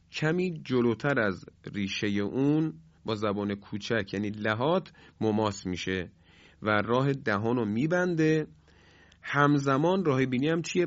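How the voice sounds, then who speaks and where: A man giving a formal, polite pronunciation lesson on Quran recitation, repeating sounds slowly to demonstrate them. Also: mid-range voice, dry recording. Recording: slightly dull lo-fi sound.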